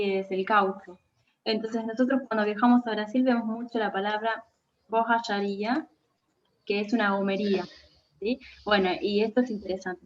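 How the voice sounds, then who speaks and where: A woman teaching Portuguese vocabulary, carefully explaining what words mean and checking in with her listeners. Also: medium pitch. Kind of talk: explanatory lesson. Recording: dull lo-fi sound.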